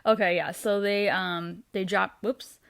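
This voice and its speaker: A woman's voice: medium pitch, steady tone, measured pace, vocal fry, no echo, clean studio sound. A young woman hosting her weekly entertainment show, gushing in a casual, bubbly way with lots of "um" and "like". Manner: bubbly and gushing, many fillers like "um" and "like". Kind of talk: casual fan commentary.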